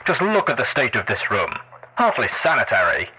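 A man's voice: medium pitch, huge pitch swings, moderate pace, pushed and bright, a little hiss or hum, voice pushed up, exaggerated voice. A man voicing a cheerful, oblivious robotic hospital attendant with a tinny, chipper sound and fussy, polite bedside chatter. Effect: tinny speaker sound.

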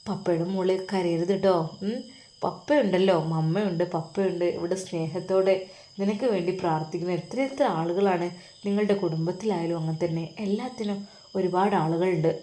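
A woman with a Malappuram Malayalam accent voicing a loving middle-aged father who gently comforts his daughter in a storybook reading. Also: on the low side, fairly even intonation, a little fast, a little hiss or hum, close to an everyday voice. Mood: soothing. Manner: gentle, soothing, reassuring.

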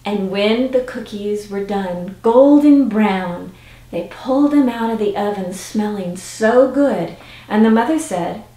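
A woman telling a folktale in an animated, expressive way, now and then slipping into song. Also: medium pitch, measured pace. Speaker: storyteller. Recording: roomy with faint autoharp.

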